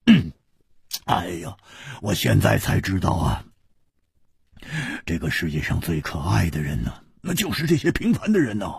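A man's voice: low voice, sing-song, normal speed, creaky, long pauses, breathy edge, no echo, studio quality, heavily acted. A man voicing a boisterous, hard-drinking male swordsman who grunts and sighs as he talks. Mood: hearty, boisterous. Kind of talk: storytelling dialogue.

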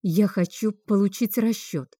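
A woman's voice: medium pitch, unhurried, dark tone, slightly rough, no echo, studio quality. A woman voicing a frightened, devout female cook, in an audiobook reading. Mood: firm. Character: frightened middle-aged female cook, loyal servant.

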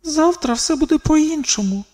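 A man's voice: extremely high pitch, lively intonation, moderate pace, darkish tone, pitched above the performer's own voice. A man voicing a tense teenage girl with psychic powers in an audiobook, speaking her urgent thoughts.

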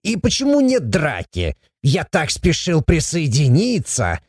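A man's voice: unhurried, slightly rough, no room sound, clean studio sound, full character voice. A man voicing a playful, sly shaggy male dwarf who teases and chatters in a raised voice. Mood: teasing. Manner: teasing, chattering, high and lively.

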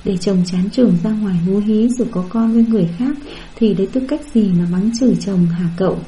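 A woman's voice: mid-range voice, brisk, dark tone, close to an everyday voice, low-quality recording. Woman reading as a sulking young wife. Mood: sulky. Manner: sulky and self-pitying. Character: hurt young wife, sulking and self-reproaching.

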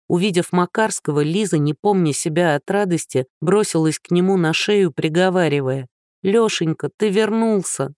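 A man narrating an audiobook in an even, measured storytelling manner. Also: high voice, no room sound, clean studio sound. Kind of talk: scripted narration.

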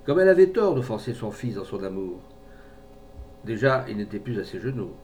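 Expressive male audiobook narrator. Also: a little fast. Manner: expressive literary reading. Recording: distant mic with faint rumble.

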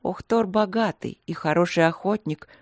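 A woman voicing a timid, gentle blind young woman who speaks softly and slowly. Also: lowish voice, no echo, clean studio sound, close to an everyday voice. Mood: meek. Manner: soft, slow, meek speech.

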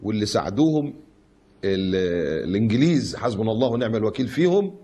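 A man's voice: on the low side, animated, fast talker, warm tone, breathy edge. A man with an Egyptian Arabic accent preaching a colloquial sermon, scolding and mocking with rhetorical questions.

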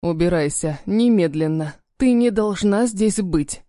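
A woman's voice: mid-range voice, lively intonation, a little slow, warm tone, no echo, clean studio sound, close to an everyday voice. A woman voicing a stern, cold-tempered man who speaks in clipped, commanding lines.

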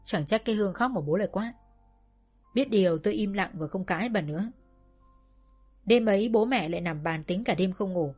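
A woman reading a first-person story in an even storytelling manner. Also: medium pitch, a little fast, pauses often, husky, faint music behind.

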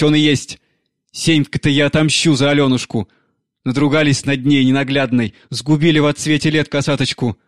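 A man's voice: medium pitch, no echo, studio quality, natural voice. A man voicing a crazed old nanny. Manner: raised, frantic, wailing pleas.

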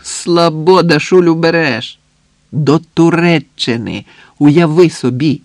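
A lively young woman full of cheeky banter, as a male narrator puts her on in a storybook reading. Her voice lifts high and ringing above his usual tone, bouncy and bossy in a friendly way. The recording is close and dry. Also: a little slow, dry recording, exaggerated voice. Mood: excited. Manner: playful, bubbly, bossy banter.

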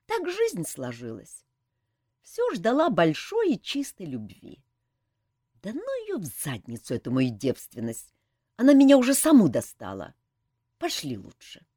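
A woman's voice: on the low side, huge pitch swings, a little slow, dark tone, no room sound, clean studio sound, heavily acted. A woman voicing a blunt, offhand young woman in an audiobook reading.

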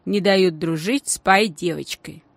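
Женщина озвучивает в аудиокниге вспыльчивую девочку лет двенадцати с писклявым голосом. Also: female voice, gravelly, no echo. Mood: wry. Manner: squeaky, quick to flare up. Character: excitable schoolgirl of about twelve.

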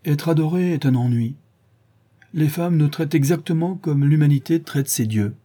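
A man's voice: on the high side, normal speed, dark tone, pitched above the performer's own voice, close to an everyday voice. A man voicing a witty, cynical aristocratic dandy who speaks in airy epigrams, in a classic novel audiobook. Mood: languid, witty.

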